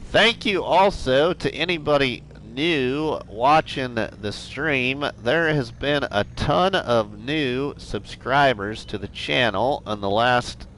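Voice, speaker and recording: A man's voice: mid-range voice, expressive, takes it slowly, hardly any pauses, a bit bright, slight background noise, rough recording. A middle-aged man streaming a farming game live, chatting and joking with viewers and laughing often. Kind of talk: live gameplay chat with viewers.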